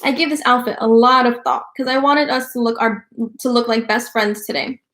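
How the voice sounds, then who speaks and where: A woman voicing a pushy, eager little girl from a storybook who talks loudly and eagerly. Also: a little high, fairly even intonation, brisk. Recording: roomy echo.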